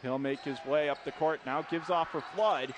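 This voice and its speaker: A man with a slightly high voice calls live college basketball play-by-play on radio at a moderate pace, using clipped running phrases and punching up the big plays. The noisy courtside broadcast comes from an indoor arena, with gym noise and a bouncing ball behind him.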